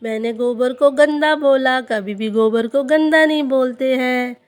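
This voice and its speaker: A woman's voice: high-pitched, measured pace. A woman voicing a fussy young girl doll who whines and pleads in a doll play story. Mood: pleading. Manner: whiny, pleading.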